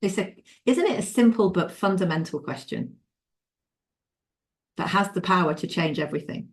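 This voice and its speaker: Lively woman leading a webinar. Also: on the low side, moderate pace. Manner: lively, laughs often, addresses participants by name. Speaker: leadership mentor running a webinar. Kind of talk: interactive webinar talk.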